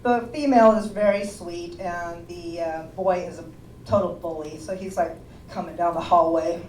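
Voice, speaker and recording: A woman comedian telling stand-up stories on a small club stage in an animated way, laughing through her lines. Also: lowish voice, moderate pace, a little hiss or hum. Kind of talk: stand-up storytelling. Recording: roomy club sound from a distance, audience laughter.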